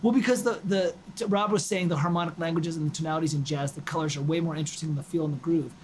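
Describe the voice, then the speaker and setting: A young man hosting a casual chat about music, animated, rambling and quick to laugh. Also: fairly high pitch, a little hiss or hum. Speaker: host.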